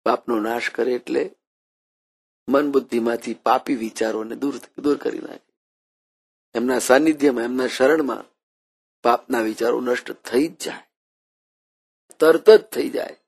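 Gravelly husky male preacher. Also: medium pitch, fairly even intonation, normal speed, pauses often. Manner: storytelling with quoted voices and Sanskrit verses, dynamic swings in loudness. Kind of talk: devotional sermon.

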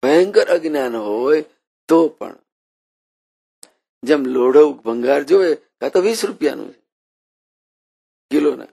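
Gravelly husky male preacher. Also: fairly high pitch, animated, slow pace, pauses often. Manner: storytelling with quoted voices and Sanskrit verses, dynamic swings in loudness. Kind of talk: devotional sermon.

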